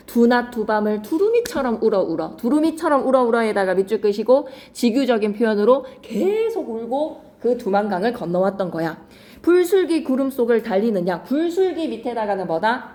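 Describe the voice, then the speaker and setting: Animated woman teaching a poetry lesson. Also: fairly high pitch, roomy sound. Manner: lively, switches between polite and casual speech, acts out lines dramatically. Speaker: Korean literature teacher. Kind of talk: classroom lecture on poetry.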